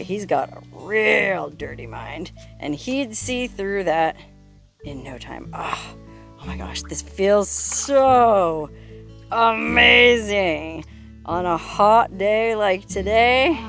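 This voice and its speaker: A woman's voice: medium pitch, a bit bright. A woman travel vlogger talking outdoors in a desert canyon, in a casual, playful and jokey way. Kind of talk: casual vlog narration.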